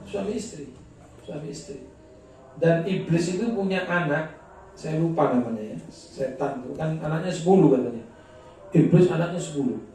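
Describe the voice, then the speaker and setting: A man's voice: fairly high pitch, lively intonation, moderate pace, dark tone, slight background noise. A man with an East Javanese accent giving an informal religious lesson, chatty and humorous, acting out quarrels as he talks. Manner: chatty, mixes in regional phrases, acts out quarrels. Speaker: religious teacher. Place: gathering hall. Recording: echoey room, distant mic.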